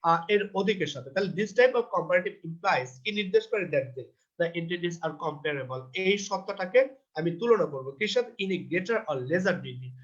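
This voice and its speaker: High-voiced man teaching grammar. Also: lively intonation, lo-fi sound. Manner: asks himself questions and answers them; reads English rules slowly, then explains. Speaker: English teacher. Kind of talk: test-prep grammar lecture.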